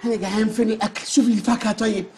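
An actor with an Egyptian Arabic accent playing a spoiled, grumpy grown son who is whiny, petulant and quick-tempered. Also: male voice, sits high, fairly even intonation, over a noisy crowd. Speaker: lead comic actor. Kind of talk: animated sitcom voice acting.

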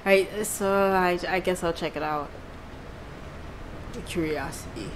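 A woman giving casual, jokey gameplay commentary, easily spooked and excitable. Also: fairly low pitch, unhurried, noisy background. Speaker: gaming video host. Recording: game music underneath.

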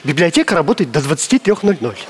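A man's voice: fairly high pitch, big pitch swings, fast. A man playing a fussy, bossy middle-aged female librarian who scolds and shushes in a stage comedy sketch. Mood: coy, hushed. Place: large indoor theatre stage. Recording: noisy live theatre stage recording.

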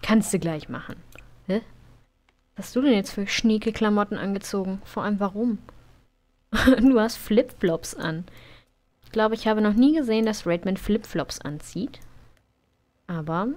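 A woman's voice: mid-range voice, a little slow, pauses often, a little mellow. A woman streaming a life-simulation game, chatting casually, laughing and scolding her characters. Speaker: let's play streamer. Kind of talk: casual gameplay commentary.

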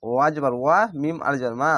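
A man teaching Quran reading, spelling each word out slowly by its letters and vowel marks before reciting it. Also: medium pitch, a bit bright, dry recording, highs cut off. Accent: Bangladeshi Bengali. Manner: slow, drawn-out syllable-by-syllable spelling with recited words.

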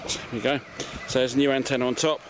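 A man with a mid-range voice talks fast with little pitch movement. In his forties and English-accented, he's the casual host of an amateur radio video, showing gear outdoors in a garden and on a street. Audio comes from a camera mic at least arm's length away, with background noise.

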